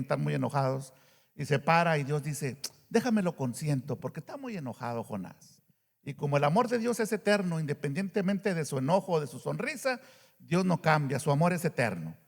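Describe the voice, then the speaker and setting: A male pastor preaching a sermon, animated and asking the congregation rhetorical questions. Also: a little high, vocal fry, big-room sound.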